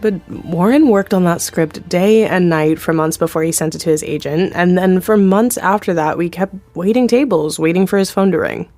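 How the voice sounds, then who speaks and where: An actress in her thirties gives voice to a TV executive producer guesting in a scripted audio-drama interview, chatty and candid, laughing freely while playing down her success. Her darkish voice, on the low side and close to an everyday sound, runs at normal speed with few pauses. There's no room sound and soft music plays behind.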